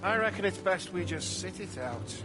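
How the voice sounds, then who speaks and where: A placating villager. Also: male voice, sits high, lively intonation, normal speed, over music. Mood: reassuring. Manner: placating, reassuring. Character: easygoing rural male villager.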